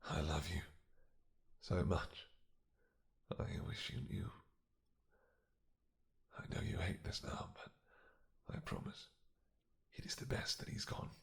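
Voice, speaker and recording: A man's voice: very deep voice, fairly even intonation, slow, creaky, long pauses, voice pushed down, heavily acted. A man voicing a lovesick, possessive and menacing vampire king in a romantic fantasy audio roleplay, intense and dramatic. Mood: tender, obsessive. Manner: intense, dramatic, swinging from snarls to whispers.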